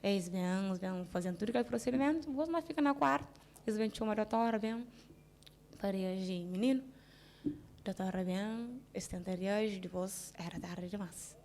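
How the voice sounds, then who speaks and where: A woman with a Cape Verdean Creole accent telling a personal story in an interview, halting and restarting, often asking if the listener understands, subdued with sudden bursts of emphasis. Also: medium pitch, a little mellow, slight background noise. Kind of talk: personal account in a casual interview.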